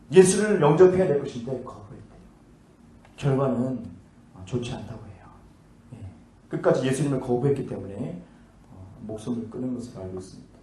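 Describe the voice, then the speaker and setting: A man preaching in a big echoey hall, heard from some way off the mic. His voice sits fairly high and mellow, and he swings it up and down a lot as he tells the story. He keeps putting questions to the room and answering them himself. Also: far from the mic, a little hiss or hum. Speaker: pastor. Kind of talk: sermon.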